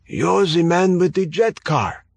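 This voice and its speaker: A man voicing an elderly male scientist with an Eastern European accent, speaking slowly and deliberately. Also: high voice, lively intonation, gravelly, voice pushed up, full character voice. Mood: aloof curiosity.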